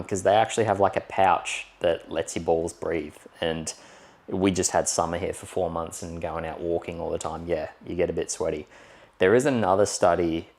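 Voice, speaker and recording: Man, very deep voice, casual podcast chat, rambling explainer. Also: darkish tone. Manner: chatty, explanatory, rambling with fillers. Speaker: podcast co-host.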